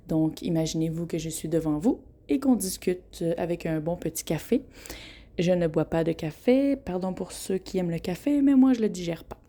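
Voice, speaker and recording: This podcast host is a Québécois woman in her twenties whose warm voice sits on the low side. Running the show alone, she talks frankly and casually, laughing a lot and stumbling over her words now and then.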